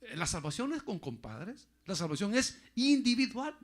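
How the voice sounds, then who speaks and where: A male pastor delivers a sermon in a high, sing-song voice at a moderate pace. He repeats phrases and keeps addressing listeners as "brother," getting loud for emphasis and going quiet for asides.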